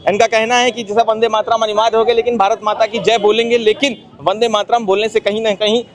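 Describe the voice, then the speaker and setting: A man's voice: high-pitched, level tone, fast. A man reporting outdoors on a street, persistently pressing passersby with questions. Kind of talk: street vox-pop interview.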